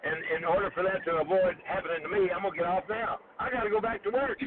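A man's voice: sits high, steady tone, fast talker. Male caller on a conference phone line, polite, chatty, thin tinny sound, crowd noise behind. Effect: heard over a conference phone line. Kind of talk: casual phone call talk.

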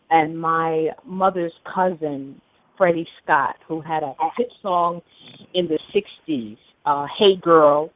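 A woman from New York, a guest producer, telling stories about her past in relaxed interview answers. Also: low voice, dry recording. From New York, United States. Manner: relaxed storytelling with fillers and restarts. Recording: narrow phone-line radio sound.

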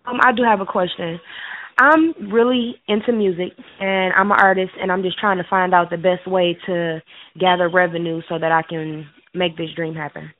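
A call-in show caller, a woman heard through a thin, phone-like line. Her voice sits a little low. She talks casually and haltingly, leaning on "like" and "you know" as she apologizes. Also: fairly even intonation.

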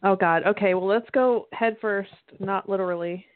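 A woman's voice: medium pitch, steady tone, normal speed, no echo. A woman hosting a podcast in casual chat, giggly and chatty. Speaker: podcast host. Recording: dry, phone-like line.

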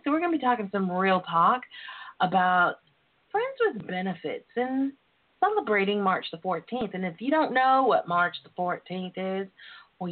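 A woman hosting a casual radio call-in show, talking in a sassy, flirty way with plenty of endearments. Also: mid-range voice. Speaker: talk show host, relationship and intimacy coach. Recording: tinny phone-line internet radio.

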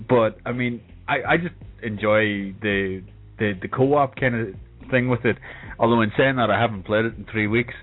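A man with an Irish accent talks over a thin, phone-like connection with faint music behind him. His voice sits fairly low, and he chats casually as a podcast co-host, swearing freely. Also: moderate pace. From England.

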